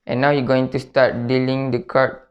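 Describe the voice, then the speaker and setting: A man's voice: mid-range voice, little pitch movement, normal speed. A man presenting a step-by-step spoken tutorial, repeating himself and often checking in with short tag questions. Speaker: card trick tutorial presenter. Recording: dull, lo-fi sound.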